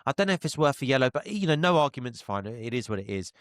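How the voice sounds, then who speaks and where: A young man hosting a casual football chat, blunt and opinionated, quick to laugh. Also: mid-range voice, sing-song, no echo, studio quality. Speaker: podcast host.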